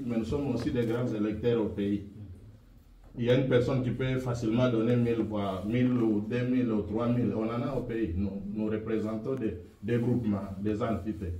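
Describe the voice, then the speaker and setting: A man speaking for a community group, measured and formal. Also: on the low side, warm tone. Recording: echoey room, distant mic.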